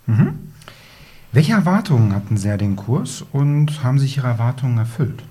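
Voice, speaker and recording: A polite interviewer conducting a short, formal interview. The voice is mellow and slightly husky, and the intonation rises and falls with lively movement. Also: medium pitch, normal speed. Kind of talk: interview questions.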